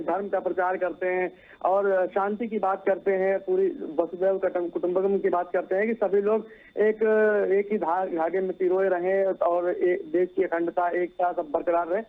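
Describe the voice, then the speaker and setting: A male news correspondent reporting live, talking in long sentences with frequent fillers and restarts. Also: high-pitched. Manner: repeats "सीधे तौर पर" and "आप समझिए", many fillers and restarts. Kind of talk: live news report over a phone line. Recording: tinny phone line.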